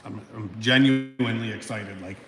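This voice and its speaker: Here the livestreamer, a man in his thirties, speaks at a normal speed in a voice on the low side. Alone by the car lift in his echoey home garage, with faint noise behind him, he reads out viewer comments casually, wanders off topic, swears often and laughs between sentences.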